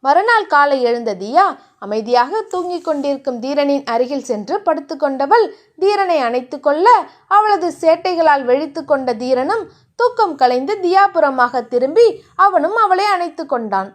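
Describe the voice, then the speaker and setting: A woman narrating a romance novel in a steady, even reading voice. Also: high-pitched, moderate pace.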